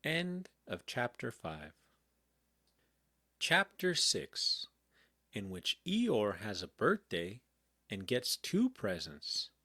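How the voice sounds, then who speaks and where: A man reading a children's storybook aloud in a calm, gentle bedtime manner. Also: fairly low pitch, no echo, studio quality. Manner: slow, gentle, very expressive. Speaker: audiobook reader.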